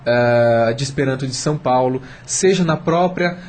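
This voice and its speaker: A man with a Brazilian accent, his voice medium-pitched and a little mellow, speaks at a moderate pace as a guest on a radio panel. He explains and urges emphatically, repeating phrases to build his point in a persuasive, explanatory discussion. Clear background noise runs through the recording.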